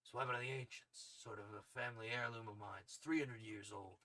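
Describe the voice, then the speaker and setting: A man voicing a gruff, hard-bitten space adventurer in a throat-straining, gravelly snake voice, reading storybook dialogue. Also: lowish voice, steady tone, fast, pushed and bright. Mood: musing. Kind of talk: dramatic audiobook character reading.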